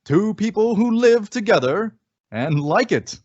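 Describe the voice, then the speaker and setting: A man's voice: sits high, sing-song, a little slow, a little mellow, dry recording, soft background music. A man announcing an old-time radio show with scripted, emphatic, showy presentation. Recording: dull, dry lo-fi radio recording.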